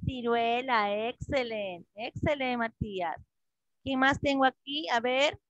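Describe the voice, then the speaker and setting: A woman English teacher leading an online class for children, patiently repeating words slowly over a video call. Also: fairly high pitch, a bit bright, no room sound, lo-fi sound.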